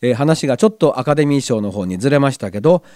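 A man's voice: mid-range voice, lively intonation, rapid-fire, darkish tone, no room sound. A man hosting a community radio show, chatting casually and reading listener letters aloud in a studio. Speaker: radio host. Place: glass-walled studio in a cinema. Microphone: studio mic.

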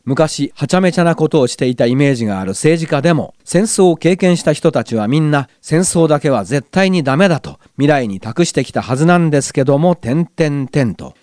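A man's voice: on the high side, expressive, brisk, few pauses, darkish tone, dry recording, studio quality. Chatty middle-aged male radio host. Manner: chatty, musing, wry asides. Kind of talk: casual radio talk. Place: radio studio.

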